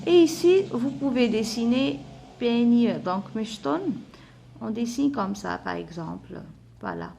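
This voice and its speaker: Slow-spoken teacher. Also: female voice, on the high side, big pitch swings, vocal fry, dark tone, slight background noise. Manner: spells out letters and sounds, repeats words slowly; mixes in Arabic words to explain vocabulary. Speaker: primary school teacher. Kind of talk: slow classroom lesson explanation.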